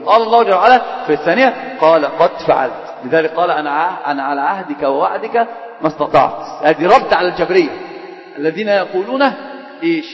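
A male sheikh with an Egyptian accent teaches a classroom religious lesson at a breakneck clip, his voice set fairly high. He keeps firing questions at his students and needling them, switching between formal and colloquial speech. The sound is dull and carries a long hall echo. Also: expressive, quick pace. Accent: Egyptian Arabic.

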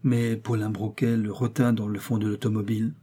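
A man narrating a classic novel as an audiobook in a measured, expressive way. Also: lowish voice, husky.

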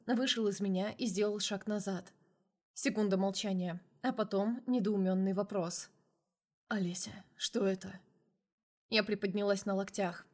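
A woman's voice: mid-range voice, darkish tone. A woman narrating a first-person romance audiobook in a wry, dry tone.

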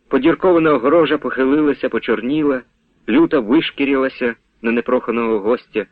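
A man narrating a written story in a steady storytelling read. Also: medium pitch, dry recording. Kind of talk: scripted narration. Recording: tinny dry radio recording.

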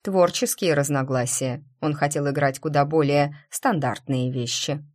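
A woman's voice: deep voice, normal speed, a little mellow, lightly acted. A woman doing a cold, smug man. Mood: curt. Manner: curt, cold. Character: smug, domineering male quartet leader.

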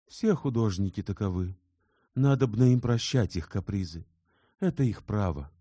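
A man's voice: on the low side, lively intonation, moderate pace, warm tone, no room sound, studio quality, voice pushed up. A man voicing a shy, earnest young male scholar in an audiobook, speaking mildly and carefully. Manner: mild, careful, a little bashful. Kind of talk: audiobook character reading.

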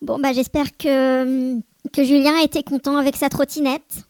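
Woman playing a very high-pitched little girl elf. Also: flat delivery, unhurried, a little mellow, no echo. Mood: apologetic. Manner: childlike, chatty, hesitant repetitions. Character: self-important, scatterbrained little female Christmas elf assistant. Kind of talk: children's Christmas podcast role-play.

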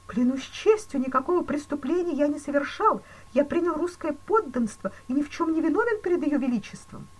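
A woman voicing a terrified male banker who pleads in shrill, panicky exclamations in a storybook reading. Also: animated, a little fast, few pauses, poor audio. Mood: panicked.

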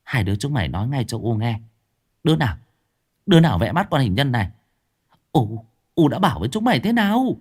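A man's voice: medium pitch, big pitch swings, brisk, long pauses, a little mellow, husky. A man voicing a strict village mother scolding her two children in a ghost story.

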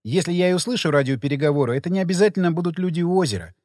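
A male narrator voicing a sharp-tongued young woman tech expert in an audiobook, with curt, caustic retorts. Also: on the high side, lively intonation, racing, no room sound, studio quality, in a large hall, natural voice. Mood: brisk.

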